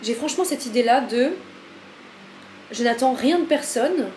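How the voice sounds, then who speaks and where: Here a vlogger with a slightly high, somewhat mellow voice speaks at a normal pace with lively intonation. She's recording a casual day-in-the-life video in her kitchen, poking fun at herself in a frazzled way and constantly addressing her cat, with echo and faint room noise around her.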